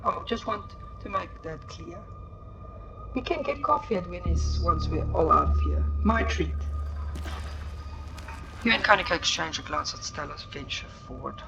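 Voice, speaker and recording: A woman game streamer reads story dialogue out loud and acts it out with expression. Her pitch swings very widely from phrase to phrase. The voice has a slightly dull, band-limited sound, and music plays clearly behind her. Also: normal speed, pauses often. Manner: expressive, acts out the characters' lines. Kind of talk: reading game dialogue aloud in a playthrough.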